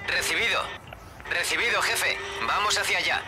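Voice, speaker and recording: An actor playing a dutiful military radio operator in a dubbed game, giving brief, controlled replies. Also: male voice, sits high, normal speed, close to an everyday voice, rough recording. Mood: calm, dutiful. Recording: loud music behind.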